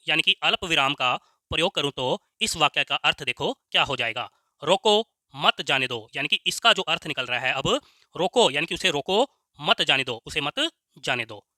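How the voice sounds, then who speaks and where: A man teaching Hindi grammar, dictating slowly and repeating words so students can write them down, often saying "ok ji". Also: fairly high pitch, expressive, sharp tone, no room sound, studio quality. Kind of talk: slow dictation-style lesson.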